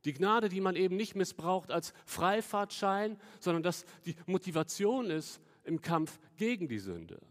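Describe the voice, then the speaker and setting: A man preaching a sermon in an earnest, explanatory manner, slowing down to stress quoted lines. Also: high voice, sing-song, big-room sound. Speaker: pastor.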